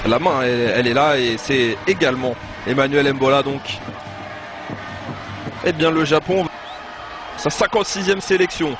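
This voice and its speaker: A man giving live football match commentary, with excited exclamations when play heats up. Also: mid-range voice, moderate pace, long pauses, music in the background, crowd noise. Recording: noisy live match broadcast.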